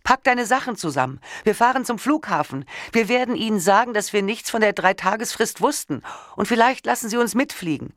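A man voicing a panicked wife trapped abroad, his voice pitched high, shrill and trembling, in an audiobook reading. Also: animated, moderate pace, fairly bright tone, no echo, studio quality, heavily acted. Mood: frantic.

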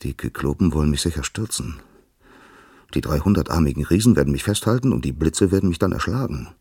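A paranoid old sky god, voiced by a man reading aloud. The voice is deep and husky, swinging widely in pitch, heard close and dry. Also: lively intonation, fast, a little mellow, dry recording, heavily acted. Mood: suspicious. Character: fearful, suspicious old male sky god. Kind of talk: storybook narration.

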